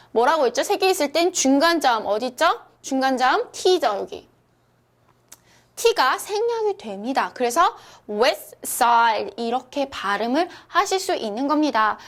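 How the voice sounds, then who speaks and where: A young woman teaching English pronunciation in a cheerful, coaxing lesson voice, often asking her listeners questions. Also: high-pitched. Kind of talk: upbeat lesson narration.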